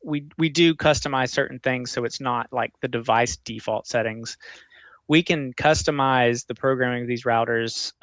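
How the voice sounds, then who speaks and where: Male tech support guest, medium pitch, informal explainer, dry recording. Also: a bit bright, no echo. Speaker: technical support manager, interview guest. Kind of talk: conversational technical explanation.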